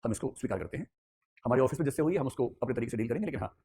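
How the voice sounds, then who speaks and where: A man's voice: medium pitch, expressive, rapid-fire, mellow, slightly rough. A man teaching an ethics class, telling a story with playful asides in a classroom lecture.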